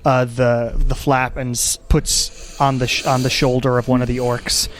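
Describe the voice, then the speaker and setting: Halting man narrating as game master. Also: medium pitch, level tone, slight background noise. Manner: halting, searching for words as he describes scenes. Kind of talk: improvised tabletop game narration and casual chat.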